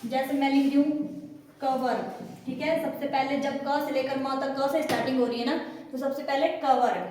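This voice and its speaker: High-voiced woman teaching in an echoey classroom. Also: little pitch movement, normal speed, background noise. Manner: explains step by step, quizzing students. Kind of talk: classroom lesson. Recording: echoey room, mic far off.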